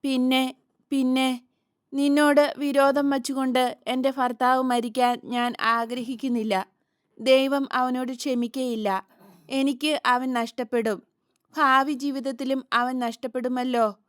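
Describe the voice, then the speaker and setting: A sorrowful mother, middle-aged and worn out, pleads in a loud, anguished voice, as a woman reader puts her on. The voice is smooth and clear, the pace slow, and the audiobook recording is dry and close. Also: high-pitched, level tone, no room sound. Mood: pleading.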